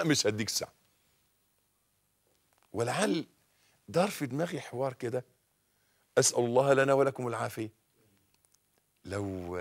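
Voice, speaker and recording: Fiery Egyptian preacher, loud then hushed. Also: male voice. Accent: Egyptian Arabic. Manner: impassioned, swinging between loud exhortation and low asides; leads the audience in call-and-response blessings. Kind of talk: televised sermon in colloquial speech.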